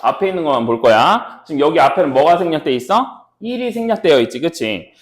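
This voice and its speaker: Man, math teacher, classroom lecture, repeats steps, high voice, echoey room. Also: big pitch swings, fast. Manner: checks in often with students, repeats steps.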